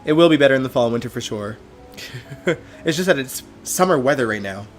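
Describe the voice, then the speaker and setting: A man's voice: mid-range voice, lively intonation, fairly quick, soft background music. A man hosting a soap opera after show in a casual livestream chat, talking with a stuffed-up nose from allergies, laughing often and greeting viewers by name. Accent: Canadian.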